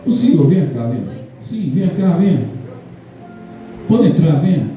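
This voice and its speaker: Chatty Brazilian pastor in an echoey hall. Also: male voice, a little high, sing-song, slow pace, muffled recording, faint music behind. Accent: Brazilian Portuguese. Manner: jokey, chatty, laughs often. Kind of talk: casual church talk. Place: church hall. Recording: echoey hall, mic from far off.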